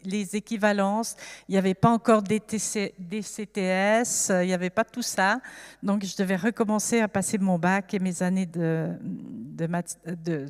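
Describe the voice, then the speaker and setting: A woman's voice: medium pitch, darkish tone, big-room sound. A woman in her seventies from France, giving an earnest, reflective personal testimony at a church service. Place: church hall.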